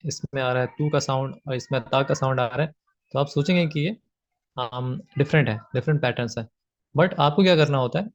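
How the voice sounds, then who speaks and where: A man teaching grammar from slides, patiently repeating his points with frequent fillers. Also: mid-range voice. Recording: slightly dull lo-fi audio.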